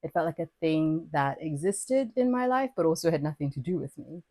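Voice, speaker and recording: Reading aloud her own lyrical essay, a Nigerian woman who hosts a podcast pokes fun at herself in a playful, wordy way. Her deep, mellow voice is animated and brisk, captured without echo.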